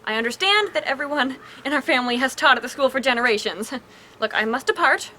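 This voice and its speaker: A woman's voice: high-pitched, animated, fast talker, bright, forceful tone, slight background noise. Woman playing a prim, pompous young rival. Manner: stiff formal diction, indignant. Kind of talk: comedy web series acting.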